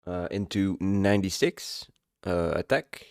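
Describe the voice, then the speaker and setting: A man streaming a casual update on his game progress, halting with many ums, and he has the hiccups. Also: deep voice, clean tone, no room sound, clean studio sound.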